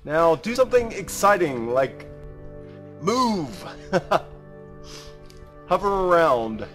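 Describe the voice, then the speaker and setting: A man outdoors at night, excitedly coaxing something he sees, heard through choppy audio that skips and stutters. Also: high voice, takes it slowly, soft background music.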